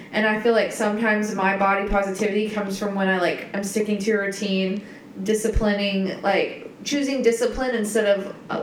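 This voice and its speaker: A young woman co-hosting a casual chat, rambling with many fillers and asking questions. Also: medium pitch. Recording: echoey room with faint noise.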